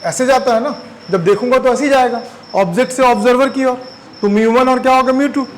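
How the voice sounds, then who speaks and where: A man's voice: very high voice, fairly quick, a little hiss or hum, rough recording. A man teaching a physics class, chatty and constantly quizzing his students. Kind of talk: classroom lecture.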